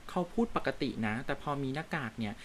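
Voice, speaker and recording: A woman co-hosting a relaxed podcast chat, drawing out her guest with questions and quick agreement. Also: extremely low pitch, a little hiss or hum. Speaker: co-host.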